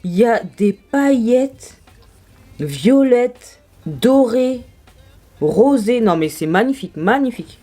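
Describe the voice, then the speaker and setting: A woman's voice: on the high side, lively intonation, takes it slowly, dark tone. A young woman vlogging makeup swatches, gushing and exclaiming over each shade in casual chat. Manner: gushing, exclamatory, marvelling aloud. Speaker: beauty vlogger.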